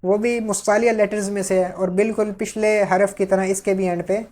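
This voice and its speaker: A woman's voice: mid-range voice, flat delivery, mellow. A woman teaching Quran letter pronunciation step by step, patiently drawing out each letter for learners to repeat. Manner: checks in with "ٹھیک ہے؟".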